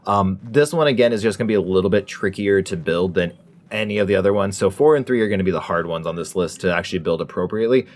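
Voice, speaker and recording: A man hosting a gaming channel, giving a casual, informal top ten countdown style commentary on ranked entries. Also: lowish voice. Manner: informal, folksy phrasing.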